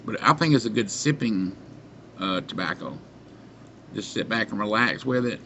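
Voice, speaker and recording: A middle-aged man chatting casually to camera as a reviewer, halting and pausing often, recorded on a webcam mic in a small room. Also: lowish voice, animated, creaky, a bit bright. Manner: halting, unhurried delivery with long pauses. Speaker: pipe tobacco reviewer. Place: small dim room indoors. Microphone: webcam or computer mic at arm's length. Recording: muffled webcam sound with background noise.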